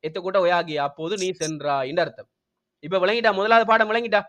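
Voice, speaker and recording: A man teaching an online language class, patiently repeating each word slowly for his students to copy. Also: high voice, lively intonation, a bit bright, dull audio. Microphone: video call.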